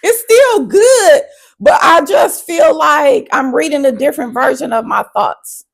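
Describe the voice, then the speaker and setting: A woman in her thirties co-hosting a podcast, chatting candidly and with emphasis, often jumping into high-pitched quoted asides. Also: lively intonation, normal speed, gravelly, a bit bright. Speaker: podcast co-host. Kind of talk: casual chat.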